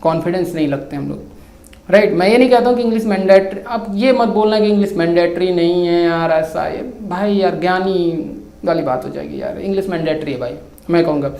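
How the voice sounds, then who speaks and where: A man's voice: high-pitched, fairly quick, vocal fry, darkish tone. Chatty man in an echoey room. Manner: chatty Hindi-English mixing, keeps saying yaar and bhai. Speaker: YouTuber replying to viewer comments. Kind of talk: casual talk to camera.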